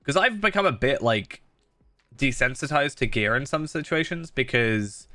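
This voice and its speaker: In casual play-by-play on a live stream, a man talks through his thoughts with lots of fillers and restarts, a congested nose making him slightly nasal. He speaks at medium pitch with lively intonation and normal speed, his voice pushed and bright, with no echo.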